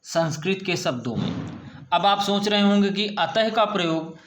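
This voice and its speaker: A man teaching a school grammar lesson, asking questions and answering them himself with slow, drawn-out words. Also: sits high, animated, reverberant.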